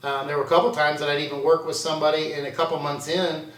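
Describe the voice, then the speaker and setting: A man's voice: a little high, level tone, quick pace, a bit bright, recorded from a distance. A man coaching contest prep, answering viewer questions in a candid, self-deprecating, conversational way. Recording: roomy sound from away from the mic.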